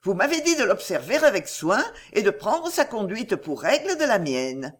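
A woman's voice: mid-range voice, very animated, normal speed. A woman voicing a naive, lovestruck young woman in a storybook reading, speaking eagerly and pleadingly.

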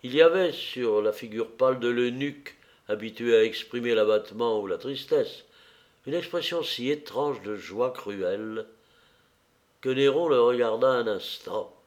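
A man narrating a historical novel in a measured audiobook reading. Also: medium pitch.

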